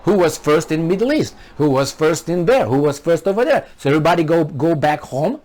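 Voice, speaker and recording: The Transylvanian-born host of a commentary channel argues politics in a monologue packed with rhetorical questions, his Romanian accent clear. He talks briskly, with lively intonation, in a higher-than-average voice with a darkish tone.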